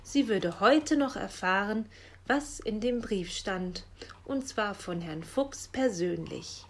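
A woman narrating a children's story in a slow, unhurried way. Her voice sits in a middle register and reads calmly and expressively. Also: medium pitch, a little hiss or hum.

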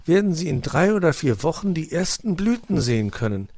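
A man's voice: a little high, very animated, a little fast, creaky, no echo, voice pushed up, full character voice. A man voicing a cheerful, clever young male fox nephew in an audio story. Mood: polite. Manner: eager, bright.

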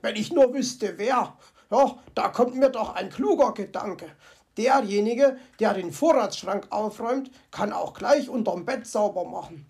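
A woman's voice: medium pitch, measured pace, a little mellow, natural voice. A woman voicing a cheerful, fussy male fox from a children's storybook who chatters to himself with comic grumbling. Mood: bustling. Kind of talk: storybook character voice.

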